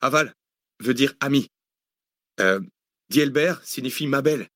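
A man voicing a hesitant young male militiaman who explains with pauses, in a dry audiobook reading. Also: medium pitch, fairly bright tone, no room sound, pitched above the performer's own voice, natural voice. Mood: explaining.

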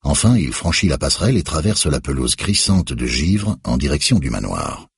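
A man reading a novel aloud in measured, expressive scripted narration. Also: very deep voice, vocal fry, breathy edge, no echo, studio quality. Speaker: audiobook narrator.

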